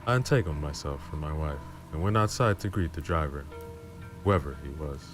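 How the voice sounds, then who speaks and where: A man narrating horror stories in a calm, low-key reading style. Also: normal speed, music in the background. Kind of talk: scripted story narration.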